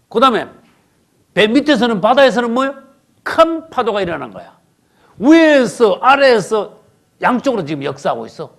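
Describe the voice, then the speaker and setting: A man pastor preaching a sermon, emphatic, asking the congregation rhetorical questions and swinging from loud bursts to low murmurs.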